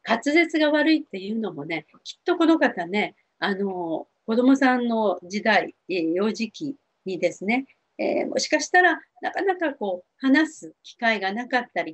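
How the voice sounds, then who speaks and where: A middle-aged woman counselor giving gentle, reassuring advice to TV viewers, with many fillers. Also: medium pitch, slightly rough. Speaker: spiritual counselor answering viewer questions. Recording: dull lo-fi TV audio.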